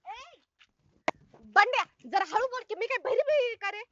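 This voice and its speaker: An actress playing a loud, bossy village woman who talks in a rustic, scolding way. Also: very high-pitched, normal speed, no echo. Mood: chatty. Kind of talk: comic web film acting. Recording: dull, dry film sound.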